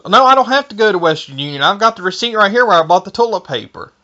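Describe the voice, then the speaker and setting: A man on a phone call, talking in a folksy way and playing naive and slow-witted with a straight face. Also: sits high, lively intonation, pushed and bright. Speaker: prank call recipient. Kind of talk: deadpan phone prank. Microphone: telephone. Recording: muffled telephone call audio.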